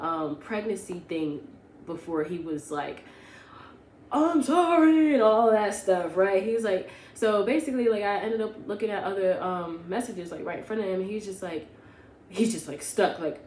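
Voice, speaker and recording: A woman's voice: medium pitch, normal speed, darkish tone. Chatty young woman, roomy echo. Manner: chatty, sarcastic, lots of "like" and "you know what I'm saying". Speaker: vlogger. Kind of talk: casual storytime. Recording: roomy echo with faint hum.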